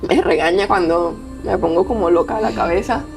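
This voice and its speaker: This young woman, an athlete guest with a Colombian accent, speaks fairly quickly in a lowish, creaky voice while music plays in the background. Tearful, she tells stories in an emotional interview, expressively acting out the people she quotes.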